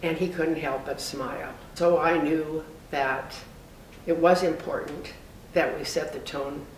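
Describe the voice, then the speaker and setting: A woman volunteer usher telling a gently humorous anecdote in an interview. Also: low voice, fairly even intonation, measured pace. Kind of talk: storytelling interview. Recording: roomy distant noisy recording.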